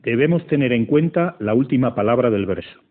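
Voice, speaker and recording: A man reading a scripted lesson in a slow, methodical way, counting syllables aloud. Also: medium pitch, expressive. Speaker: teacher. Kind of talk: scripted educational narration. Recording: tinny phone-like audio.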